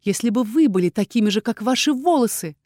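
A teasing, lordly male dragon inquisitor, as a woman puts him on, lowered and drawn out, every word laced with sarcasm. The voice sits close and dry, with no room around it. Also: expressive, a little fast, mellow, no echo. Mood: sarcastic.

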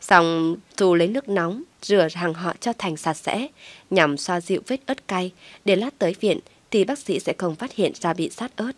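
A woman's voice: on the low side, normal speed, dry recording. A woman narrating a drama story, reading evenly and steadily.

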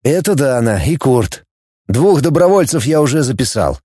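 A man reading an audiobook, voicing a calm, assured male commander. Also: medium pitch, normal speed, breathy edge, no echo, studio quality.

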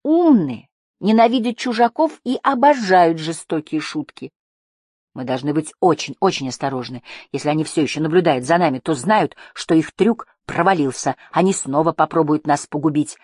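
A woman's voice: brisk, hardly any pauses, a little mellow, husky, dry recording, studio quality. A woman voicing a tiny, timid young female creature who speaks in a thin little voice. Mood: anxious. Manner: high, thin, frightened.

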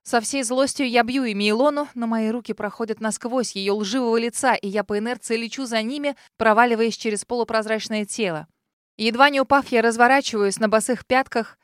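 A woman narrating a first-person fantasy audiobook in a dramatic, expressive way. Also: a little high, a little fast, clear, resonant tone, dry recording, studio quality.

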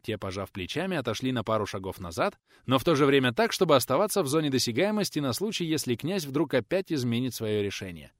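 Expressive male audiobook narrator. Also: mid-range voice, fast talker, no echo, studio quality. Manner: lively, expressive storytelling. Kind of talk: scripted narration.

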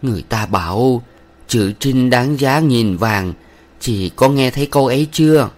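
A man's voice: medium pitch, expressive, normal speed, pitched above the performer's own voice, natural voice. A man voicing a stern, moralizing middle-aged village matron who lectures a young woman with sugary sternness in a read-aloud novel. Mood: lecturing.

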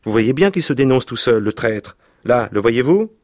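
A man reading aloud and voicing an angry boy gang leader who accuses a traitor, loud and indignant. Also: on the low side, flat delivery, normal speed, dry recording, studio quality, natural voice. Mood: accusing.

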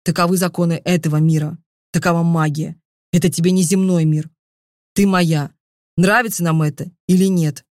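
A woman voicing an arrogant male dragon lord in an audiobook, speaking with slow, commanding contempt. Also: fairly low pitch, fairly even intonation, darkish tone, no echo, studio quality, lightly acted. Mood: cold.

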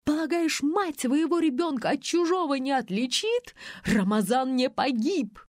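Woman voicing a shrill, wailing young mother. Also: very animated, normal speed, no room sound, clean studio sound. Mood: screaming. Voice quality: shrill, crying out. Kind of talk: audiobook reading.

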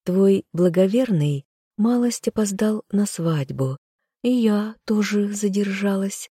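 A woman's voice: mid-range voice, lively intonation, slow, mellow, husky, no room sound, studio quality, pitched above the performer's own voice. A woman reading an audiobook, voicing a smug, treacherous young noblewoman with a purring, giggling, haughty delivery. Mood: gloating.

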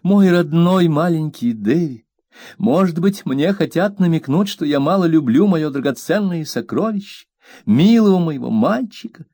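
A man's voice: fairly high pitch, expressive, normal speed, mellow, dry recording, clean studio sound, pitched above the performer's own voice. A man voicing a tearful young mother who pleads and reproaches her servant, in an audiobook reading. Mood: pleading tenderly.

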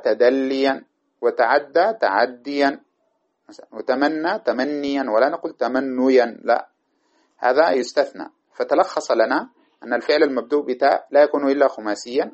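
A man teaching a classical grammar lesson, reciting verse lines and repeating examples slowly to his students. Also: medium pitch, a little mellow. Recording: dull lo-fi recording.

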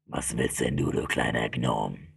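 A performer voicing a brutal, scornful demon with a club, in a dramatic spoken-word poem, alternating deep growled threats with roared battle cries. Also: steady tone, unhurried, creaky, breathy edge, exaggerated voice.

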